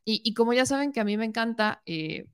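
A woman news host, interviewing and commenting in a colloquial, animated way with rhetorical questions. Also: fairly high pitch, brisk, smooth.

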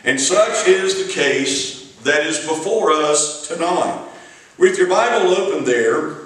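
Slow and a little high, with lively intonation and a fairly bright tone, the Southern US evangelist, a middle-aged man, stretches his phrases in a folksy, story-driven evening sermon. Sound reaches a distant camera from the pulpit mic in a small, echoey church.

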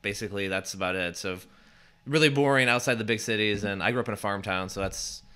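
Upbeat guest from Indiana, thirties, brisk and bright, lowish voice. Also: male voice, clean tone. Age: 30s. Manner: upbeat, quick, confident storytelling. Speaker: guest, networking group founder. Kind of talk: casual interview answers. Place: small radio studio. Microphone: studio mic on stand.

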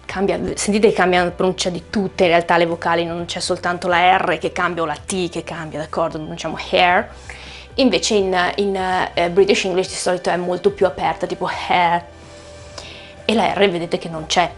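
A woman, a native Italian speaker, teaching an English pronunciation lesson in a lively, explanatory way, slowing down to stretch and repeat example words. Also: lowish voice, soft background music.

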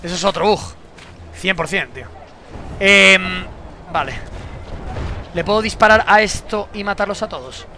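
Young man, game streamer; bright, gravelly edge, cursing. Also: high voice, a little slow, pauses often, slight background noise. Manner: swears a lot, bursts into shouts. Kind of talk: casual live game commentary.

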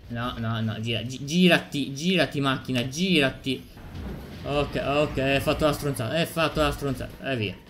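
A man giving excitable racing game commentary, repeating phrases and swearing as he plays. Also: mid-range voice, a little hiss or hum. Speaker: gameplay streamer.

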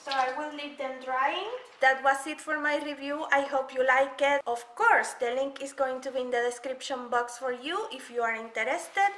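In a casual demo at home, a product reviewer chats about household gloves and shows how they work as she talks. Her voice sits high and is a bit bright, and she speaks at normal speed with few pauses. The recording carries room echo and faint noise.

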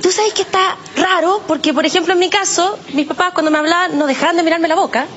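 Chilean woman comic, very high voice, slangy and self-mocking, muffled noisy live recording. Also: steady tone, quick pace. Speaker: stand-up comedian. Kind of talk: stand-up comedy routine.

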